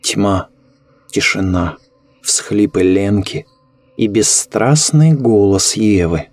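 A man narrating a horror story in a measured, ominous way. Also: fairly low pitch, animated, darkish tone, dry recording.

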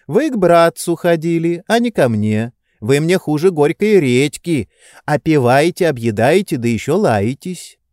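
A man's voice: on the high side, big pitch swings, a little slow, darkish tone, no room sound, clean studio sound, pitched above the performer's own voice. A man putting on a blunt scolding landlady. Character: plain-spoken middle-aged landlady, fed up. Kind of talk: audiobook character voice.

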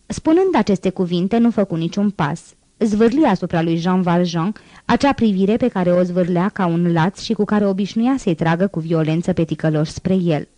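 A woman narrating a classic novel as an audiobook, in a measured, dramatic reading. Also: fairly low pitch, warm tone, no echo. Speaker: audiobook reader.

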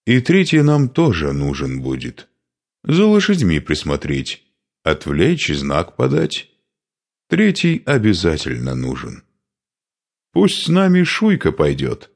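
A man's voice: low-pitched, huge pitch swings, slow, gravelly, full character voice. A man voicing a boastful young male steppe horseman who teases his comrades. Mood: teasing. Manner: cocky, teasing.

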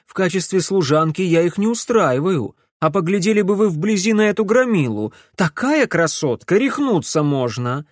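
A man's voice: sits high, very animated, normal speed, hardly any pauses, no room sound, clean studio sound, pitched above the performer's own voice. A man voicing a hot-tempered young sorceress in an audiobook, indignant and sputtering.

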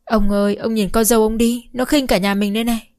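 This is a foul-mouthed older village mother-in-law who scolds and wails with abuse, put on by a woman narrator. She speaks at an ordinary pitch. The character comes from a spoken storybook. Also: brisk, faint music behind, natural voice. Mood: wailing complaint. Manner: crude, abusive shouting.

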